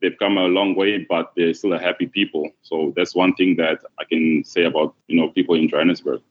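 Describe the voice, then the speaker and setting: A man from Congo, a podcast guest, talking in a relaxed, unhurried way with many fillers. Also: low-pitched. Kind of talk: casual interview. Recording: dull lo-fi sound.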